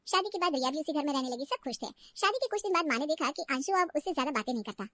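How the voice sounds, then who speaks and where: A woman narrating a children's cartoon story in a plain, even storytelling manner. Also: high voice, very fast, no room sound.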